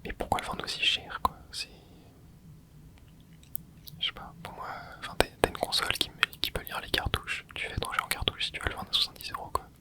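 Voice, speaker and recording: The game commentary comes fairly quickly in a soft, breathy whisper with no voicing at all; the ASMR creator wanders from thought to thought, hesitating, filling gaps, and starting over.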